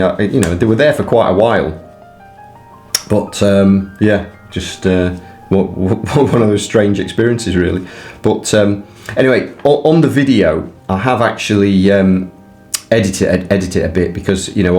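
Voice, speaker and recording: Male fitness vlogger, low register, informal and unscripted, halting with lots of ums, faint music underneath. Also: darkish tone. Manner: hesitant, rambling delivery with frequent filler words. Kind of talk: casual, unscripted chat to viewers.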